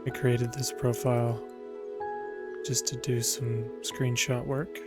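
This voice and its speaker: Host, male, sleep-content game chat: slow, flat monotone, low-key dry delivery. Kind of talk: quiet game commentary with storytelling. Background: game music.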